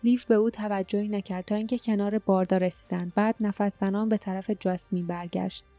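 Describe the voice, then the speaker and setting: Woman narrator, audiobook, mellow voice, dry close sound. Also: mid-range voice, steady tone, no echo, soft background music.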